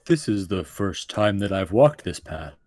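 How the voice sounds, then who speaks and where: A man's voice: low voice, very animated, unhurried, darkish tone, no echo, pitched below the performer's own voice, exaggerated voice. A man voicing a scheming, defensive dwarf merchant in a tabletop game, pleading and bargaining. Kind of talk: tabletop role-play.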